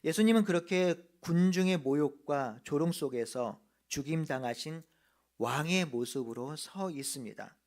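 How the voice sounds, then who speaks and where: A male pastor delivers an earnest sermon in a slightly high voice. He slows down to lean on the key phrases. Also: animated, a little mellow. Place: church.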